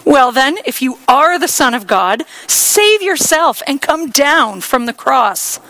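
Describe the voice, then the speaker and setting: A woman voicing a crowd of passers-by shouting taunts in a raised, mocking tone. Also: high-pitched, very animated, slow pace, voice pushed up, full character voice. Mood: taunting.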